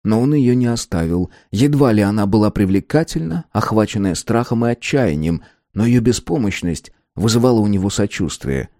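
A man narrating an audiobook in an expressive, lively reading. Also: fairly low pitch, moderate pace, no room sound, clean studio sound. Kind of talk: scripted narration.

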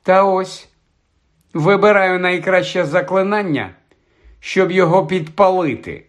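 A man's voice: high-pitched, unhurried, pitched above the performer's own voice. A man doing a dry, sarcastic boy wizard. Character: young boy wizard, dry and sharp-tongued. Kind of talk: audiobook character voice.

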